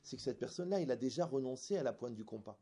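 A man giving a religious lecture to an audience, animated and full of jokes, often asking rhetorical questions. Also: medium pitch, quick pace, a little hiss or hum. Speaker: religious teacher. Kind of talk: lecture with anecdotes and humor.

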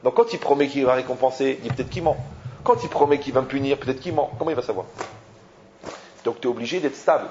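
A man teaching a Torah lesson as a rabbi, animated and full of rhetorical questions, often repeating himself. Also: medium pitch, fast talker, slight background noise. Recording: dull lo-fi recording.

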